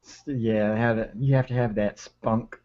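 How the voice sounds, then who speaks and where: A man's voice: on the low side, fairly even intonation, unhurried, warm tone. A young man hosting a livestream, chatting casually with lots of fillers and restarts, then reading a story aloud. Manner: rambling, with many fillers and restarts. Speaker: livestream host. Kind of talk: casual chat and dramatic reading. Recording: dull lo-fi stream audio.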